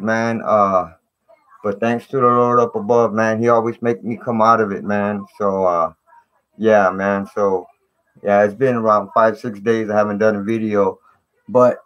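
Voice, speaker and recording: Male live-streamer, lowish voice, slangy and informal, greeting his chat over fuzzy, distorted computer audio. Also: a bit bright, highs cut off. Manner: slangy, repeats "man" and "you know".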